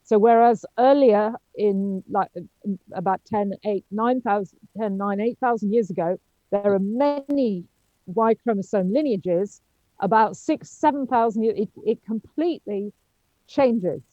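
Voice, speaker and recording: A woman's voice: mid-range voice, a little slow, no room sound, lo-fi sound. A woman chairing an academic seminar. She speaks hesitantly, with many ums and restarts. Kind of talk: academic discussion.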